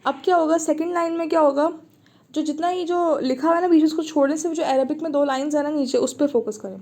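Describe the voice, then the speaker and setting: A woman teaches an Arabic grammar lesson with a high, soft, mellow voice. She explains patiently, says each word more than once and keeps asking whether her students follow. The talk is steady and clear, with no hurry. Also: quick pace. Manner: patient, repeats words and checks understanding.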